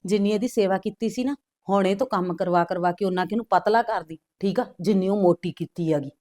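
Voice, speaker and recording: A woman's voice: medium pitch, fast, darkish tone. A middle-aged woman acting a scheming mother who eggs her daughter on in a family drama. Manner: scolding, scheming. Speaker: mother of the wife.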